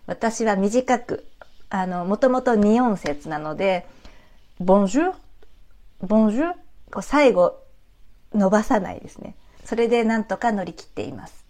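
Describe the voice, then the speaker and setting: Brief: Japanese woman in her own channel, casual explainer tone, chatty, mid pitch. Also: a little mellow. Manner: chatty, many "ano" fillers, explains with examples. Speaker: French language teacher for travelers.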